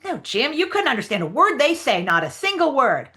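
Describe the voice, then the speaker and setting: A woman's voice: high voice, big pitch swings, brisk, pushed and bright, voice pushed up, heavily acted. A woman reading aloud as a cocky boy who lectures his friend, in a raised, explaining voice. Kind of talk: reading aloud a novel dialogue.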